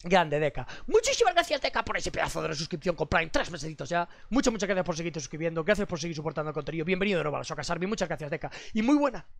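A young man from streaming casually, crude and animated, swearing constantly as he talks to his chat. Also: fairly high pitch, racing, gravelly, few pauses, dry recording.

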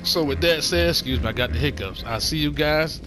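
A man's voice: a little high, brisk, music in the background. An older man hosting a gaming channel, giving casual, slangy commentary as he plays and talking to his viewers like family. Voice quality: slangy and laid-back, calls viewers fam.

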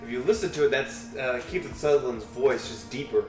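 A man's voice: mid-range voice, brisk. Young man's casual commentary, distant mic. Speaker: gaming video host playing the game. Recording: roomy, distant mic, loud game music.

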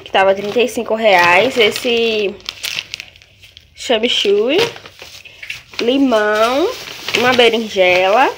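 A woman's voice: mid-range voice, a bit bright. A young Brazilian woman vlogging casually and chattily to her viewers, talking through her errands and her cooking. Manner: chatty, addresses viewers as "minha gente". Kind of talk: casual vlog chat. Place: street then a small home kitchen. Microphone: handheld phone camera. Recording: phone recording with clear background noise.

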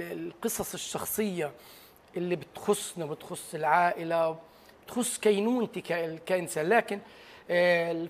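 High-voiced Palestinian man, halting delivery. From Gaza. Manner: halting, searching for words. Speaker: journalist, interview guest. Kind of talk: serious interview account. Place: large TV news studio. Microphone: lapel.

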